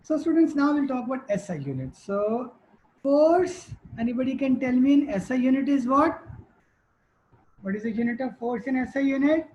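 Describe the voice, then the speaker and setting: A woman's voice: sits high, animated, moderate pace, a little mellow, poor audio. A woman teacher giving a classroom lecture, quizzing students and repeating their answers.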